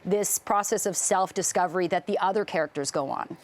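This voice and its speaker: A woman's voice: on the low side, brisk. A woman hosting a morning TV show, interviewing a guest in an upbeat, chatty way and laughing easily. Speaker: morning TV host. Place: TV studio.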